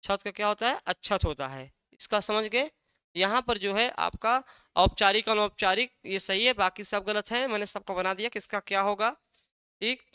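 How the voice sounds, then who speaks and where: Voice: medium pitch, normal speed, sharp tone, clean tone, no echo, studio quality. A teacher giving an exam-prep language lesson, asking a question and then answering it, repeating key words again and again.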